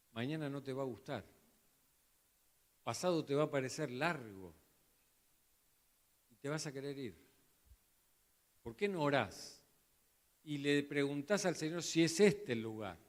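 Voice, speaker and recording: A man's voice: a little high, big-room sound. Emphatic preaching man, Rioplatense accent. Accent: Rioplatense Spanish. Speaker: pastor. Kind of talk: sermon.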